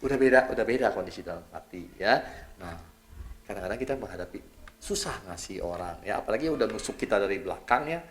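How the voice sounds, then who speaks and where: A middle-aged male pastor from Indonesia preaching in a casual, conversational style, lively and chatty, often tagging his phrases with a quick "ya". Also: lowish voice.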